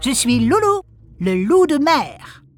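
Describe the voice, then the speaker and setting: A woman's voice: high-pitched, very animated, takes it slowly, soft background music, voice pushed up, heavily acted. A woman voicing a sly, hungry male sea wolf fish in a children's audio storybook, mocking and gloating with sniggers. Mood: teasing.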